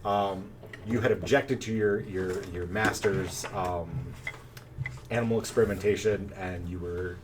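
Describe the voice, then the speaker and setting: A man running a tabletop game as game master, narrating in a relaxed, chatty way with plenty of fillers. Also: deep voice, unhurried. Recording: distant mic, faint background noise.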